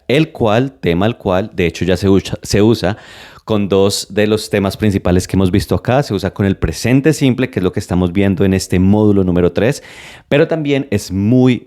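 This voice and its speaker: A man teaching an English lesson step by step, energetic and emphatic, with lively swings in his voice. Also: lowish voice. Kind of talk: classroom-style lesson.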